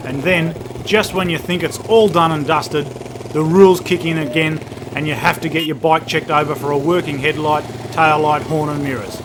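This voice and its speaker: A man's voice: fairly high pitch, fairly even intonation, normal speed. A man reading a scripted, colloquial narration for a motorsport report. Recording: clear outdoor vehicle noise behind.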